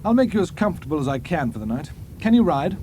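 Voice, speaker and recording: A man voicing a brisk young British officer. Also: fairly high pitch, sing-song, dark tone, slight background noise, pitched above the performer's own voice. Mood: stern. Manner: curt, commanding questioning.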